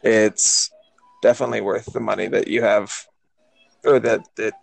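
Very creaky, hesitant man chatting. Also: on the low side, flat delivery, normal speed, no echo, soft background music. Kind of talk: casual chat.

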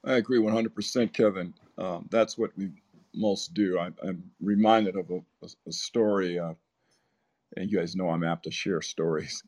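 A man in his sixties from Southern California, co-hosting a discussion and telling a personal story in a relaxed way with many fillers and restarts. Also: low voice, normal speed. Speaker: podcast co-host.

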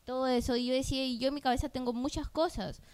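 A woman's voice: high voice, fairly even intonation, quick pace, darkish tone. A woman co-hosting a podcast, speaking in earnest, open and personal long turns in casual conversation. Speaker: podcast co-host.

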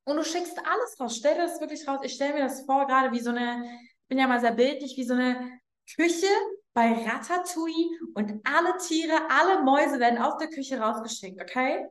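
A woman hosting a mindset podcast, guiding the listener through slow, emphatic affirmations and speaking to them directly. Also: high-pitched, echoey room. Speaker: podcast host, mindset coach. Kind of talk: guided affirmation coaching.

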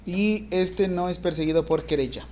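A woman with a Mexican accent lectures nursing students in a classroom, her voice on the low side. She talks in a lively, teasing way and keeps asking the class questions. Faint room noise sits behind her. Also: normal speed. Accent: Mexican Spanish. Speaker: nursing instructor.

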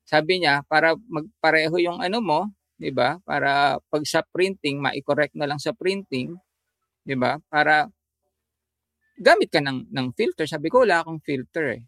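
A man with a fairly high voice tells a story in relaxed conversation as a photographer guest. He talks in a halting way, with fillers and restarts. The sound is dry and close, with no room echo. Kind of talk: casual chat, telling a story.

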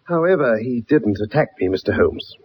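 Through a muffled old radio broadcast, a mid-range male voice with a breathy edge, lively intonation and moderate pace acts out a 1960s drama. He plays an earnest, persistent young ex-soldier telling his story in a formal, dramatic style.

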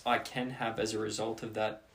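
A man's voice: fairly low pitch, little pitch movement, normal speed, vocal fry, a bit bright. Upbeat man steering the chat. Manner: upbeat, reflective, steers the talk with questions. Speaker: podcast co-host. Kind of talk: casual chat.

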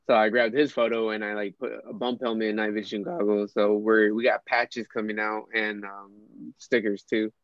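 A man of middle pitch, a guest on a casual podcast, talks haltingly and fills his pauses with ums and uhs. His voice comes through a dull, muffled line and sounds dry, with no room echo. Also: level tone, a bit bright. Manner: hesitant, full of ums and uhs. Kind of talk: casual chat.

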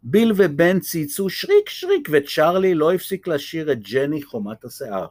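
A man reading a children's chapter book aloud in a gentle, lively way. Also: on the high side, no room sound. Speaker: storyteller.

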